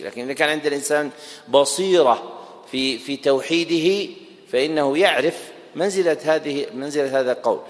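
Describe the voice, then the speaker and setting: A man gives a religious lesson, explaining slowly and deliberately, repeating key phrases and quizzing his students. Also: mid-range voice. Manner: checks understanding and quizzes students. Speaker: religious teacher. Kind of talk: classroom lecture explaining a text. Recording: reverberant lecture hall.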